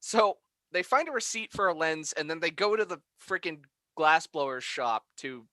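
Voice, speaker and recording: A man with a bright, fairly high voice co-hosts a casual review podcast. He laughs often and swears freely as he talks. The sound is dry and close. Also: animated, moderate pace, no echo. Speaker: podcast co-host.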